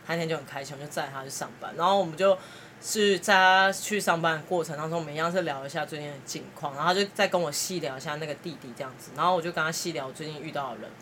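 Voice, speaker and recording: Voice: mid-range voice, very fast, few pauses, a bit bright, slight background noise. A podcast host, chatty and laughing now and then while telling a story in a casual way.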